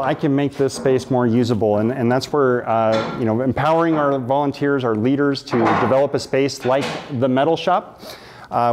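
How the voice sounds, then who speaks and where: In a mid-range, slightly mellow voice, a man in his thirties who directs a makerspace gives a relaxed, eager shop tour, gesturing and using plenty of fillers. The camera mic sits at medium distance.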